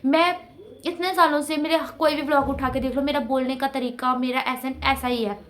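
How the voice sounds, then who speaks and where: A woman's voice: high voice, fairly even intonation, normal speed. A woman in her thirties chatting casually at home for her vlog, talking into a clip-on mic in a rambling, chatty way. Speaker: vlogger. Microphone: clip-on mic close to mouth.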